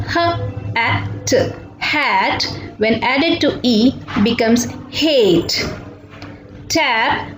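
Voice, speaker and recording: High-pitched lady teacher spelling stuff out letter by letter, roomy echo. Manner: careful, spelling words out letter by letter. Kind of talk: slow spelling lesson. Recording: echoey room with faint music.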